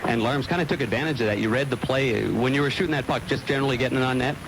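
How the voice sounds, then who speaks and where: A man's voice: mid-range voice, rapid-fire. A man conducting a live postgame sports interview as the broadcast interviewer. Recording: noisy broadcast audio.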